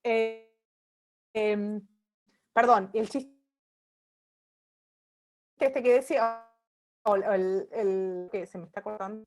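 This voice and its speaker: A woman's voice: mid-range voice, fairly even intonation, darkish tone. Argentine woman on a breaking-up video call. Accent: Argentine Spanish. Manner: halting, with restarts and frequent "¿sí?" checks. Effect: choppy, breaking-up video call audio. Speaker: law professor giving a remote lecture. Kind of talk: lecture over a video call.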